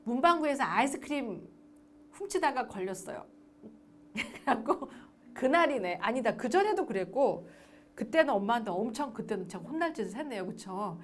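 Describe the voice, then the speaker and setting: A woman with a fairly high voice speaks at a normal pace, lecturing on adoption and parenting. She's lively, acting out conversations between parents and children, and she poses questions to the audience and then answers them herself.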